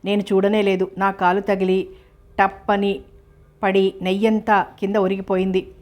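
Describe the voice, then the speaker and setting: Female audiobook narrator, steady even reading, little pitch movement, novel narration. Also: normal speed. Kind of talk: first-person novel narration.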